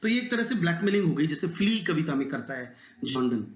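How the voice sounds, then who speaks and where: A male literature teacher lectures to his students, mixing English terms into his explanations and drawing out quoted verse slowly. His voice sits fairly high. The sound is dull and lo-fi, with a roomy echo around it. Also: sing-song, slight background noise. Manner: addresses students directly, explanatory.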